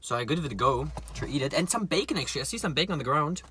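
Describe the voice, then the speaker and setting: Bright-voiced man chatting while eating. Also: on the high side, animated, slight background noise. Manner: talks while eating, with murmured mms and pauses. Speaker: mukbang vlogger. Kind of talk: casual eating chat to viewers.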